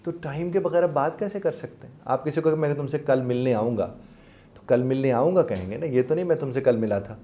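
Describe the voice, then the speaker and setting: Mellow-voiced male life coach. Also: medium pitch, animated, lo-fi sound. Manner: polite, patient, addresses listeners as sir. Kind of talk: explanatory coaching talk.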